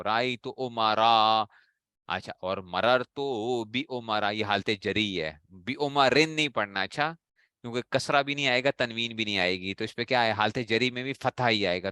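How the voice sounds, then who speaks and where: A man's voice: lowish voice, pushed and bright, clean tone, dry recording, studio quality. A man teaching Arabic grammar to a class, drilling his students with repeated questions and answers in a Pakistani Urdu accent. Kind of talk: classroom lecture.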